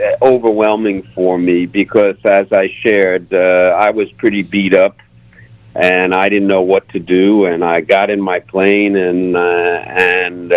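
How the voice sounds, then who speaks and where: A man with a lowish voice recalls his flying days in an unhurried, reflective way, stopping and restarting his sentences as he goes. The sound is dry and dull, like a lo-fi recording. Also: dry recording. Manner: reflective, halting, frequent restarts. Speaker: pilot guest. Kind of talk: conversational storytelling.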